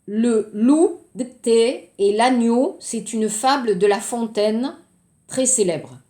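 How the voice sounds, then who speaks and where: A woman teaching French in a recorded lesson, going slowly and explaining word by word. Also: a little high, animated, warm tone, roomy sound.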